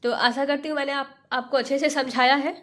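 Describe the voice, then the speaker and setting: A woman's voice: sits high, steady tone, fairly bright tone. A woman teaching English pronunciation in Hindi, sounding out each letter and patiently repeating every word. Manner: sounds out letters slowly, one by one. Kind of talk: Hindi phonics lesson.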